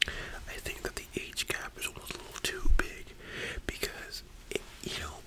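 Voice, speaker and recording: A person in a whispered role-play as a librarian, speaking in a soft, breathy library whisper in a rambling, informal, opinionated way. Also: moderate pace, rough recording. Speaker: ASMR performer.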